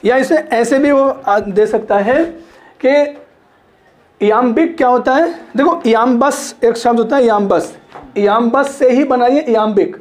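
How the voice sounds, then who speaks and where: A man's voice: very high voice, unhurried. A man teaching literature in a classroom lecture, repeating points, checking understanding and stretching words to show stress.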